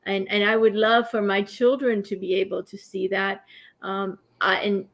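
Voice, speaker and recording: Middle-aged woman from Cuba, mid-pitched interviewer, halting, hunting for words. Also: little pitch movement, vocal fry. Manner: halting, searching for words with many ums and restarts. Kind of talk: casual conversation.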